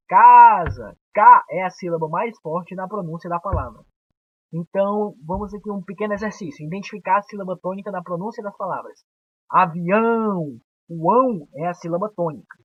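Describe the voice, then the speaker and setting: A young Brazilian man gives a recorded grammar lesson, his voice husky and a little breathy. He explains patiently and draws syllables out slowly. The sound is dry and dull, like a lo-fi home recording in a small room. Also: high voice, no echo. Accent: Brazilian Portuguese. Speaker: teacher.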